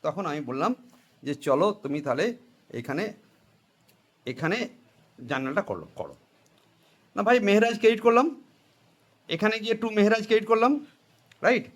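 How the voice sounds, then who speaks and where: Here the same kind of accounting class is led at a moderate pace, the man's high voice broken by long pauses. He quizzes the students and gets them to repeat answers back, switching between English and Hindi.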